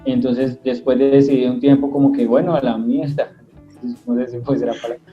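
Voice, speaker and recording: A man's voice: mid-range voice, little pitch movement, muffled recording, faint music behind. A young man with a Tolima Colombian accent, a comedian speaking reflectively in a casual interview. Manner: reflective, self-deprecating, fills pauses with "eh". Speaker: comedian guest. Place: at home.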